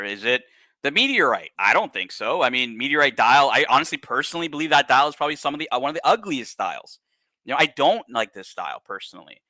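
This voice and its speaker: A male host talks casually and bluntly on a livestream, cursing freely and breaking into animated asides. His voice has a bright, forceful edge. The sound is dry and close, with little room echo. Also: medium pitch.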